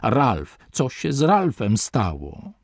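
A man's voice: mid-range voice, wildly swooping pitch, slow pace, gravelly, no room sound, studio quality, exaggerated voice. A man reading aloud and voicing a devoted young male adventurer in an audiobook. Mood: weak.

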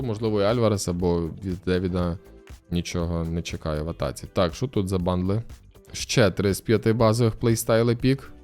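A young man from Ukraine giving chatty gameplay commentary as a streamer, musing aloud with sudden excited outbursts. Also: fairly low pitch.

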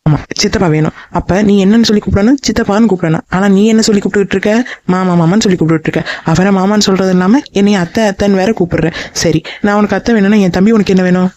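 A bossy, teasing young aunt in a cartoon, voiced by a woman, scolding and mocking at a very rapid clip. The recording is dry and a little dull and lo-fi. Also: medium pitch, darkish tone, no room sound, lightly acted. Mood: lecturing. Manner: scolding, mocking and fast-talking. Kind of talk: animated cartoon voice acting.

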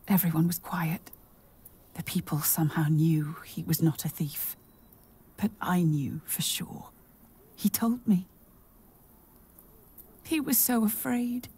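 A sorrowful mother recounting the past; low, husky, mellow and slow. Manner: slow, hushed storytelling, often whispering. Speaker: mother telling her son a story.

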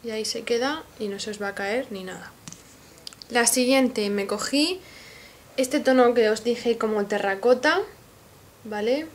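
Woman beauty vlogger, Spain Spanish accent, slightly high voice, excitable and gushing, casual haul to camera, faint background hiss. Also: unhurried, long pauses. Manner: gushing, excitable, addresses viewers directly. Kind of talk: casual makeup haul video.

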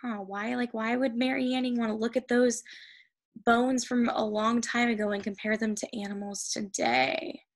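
An American woman teaching a recorded reading lesson to children, reading the text aloud slowly and then explaining it with enthusiasm. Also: a little high, steady tone.

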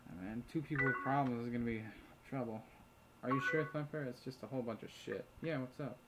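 Talking fast in a mid-range voice with fairly even intonation, this let's play host reads chat messages aloud while commentating a chat game, muttering and cursing freely. Keyboard clicks and loud typing fill the background, along with other noise.

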